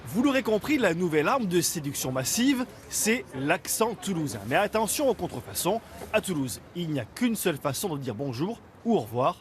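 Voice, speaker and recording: A man reporting the news with a high, very lively voice. His delivery is playful and bright, and his pitch jumps around a lot. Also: fairly quick.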